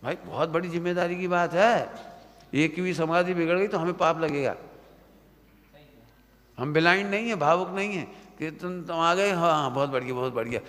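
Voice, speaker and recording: Strict jain preacher guy lecturing his students, a bit high voice, long echo off the hall. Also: moderate pace, pauses often, a bit bright. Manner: stern, admonishing, asks listeners if they understood. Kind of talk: Hindi religious discourse to students. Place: hall of a Jain study centre, at night.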